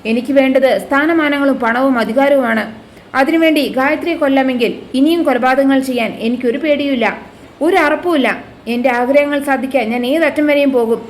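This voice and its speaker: A woman's voice: sits high, brisk, a little hiss or hum, natural voice. A woman voicing a ruthless, scheming middle-aged villainess who plots murders, speaking coldly and menacingly. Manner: cold, menacing, plotting.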